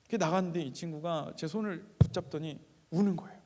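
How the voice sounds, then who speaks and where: A man preaching a sermon in a church, telling a personal story, moving between quiet asides and raised appeals to the congregation. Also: on the high side, quick pace, long reverb tail.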